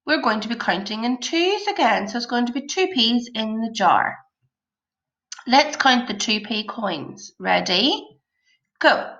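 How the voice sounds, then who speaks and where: A primary school maths teacher with a bright voice teaches young children like a kids show host, taking her time, encouraging and praising as she asks them questions. Her voice is a little high, expressive and unhurried, and the recording is a little dull and lo-fi.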